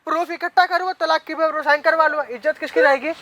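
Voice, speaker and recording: A man's voice: very high voice, steady tone, fast talker, crowd noise. A man playing an offended groom in a staged skit, accusing the bride's family. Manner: accusing and indignant. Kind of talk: improvised street skit acting.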